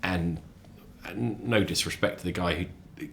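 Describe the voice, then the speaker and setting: A man chatting as a podcast guest, lively and animated, often repeating and restarting his words. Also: unhurried, vocal fry, slight background noise. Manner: animated storyteller, acts out quotes with sudden high voices. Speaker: lecturer. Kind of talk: casual chat.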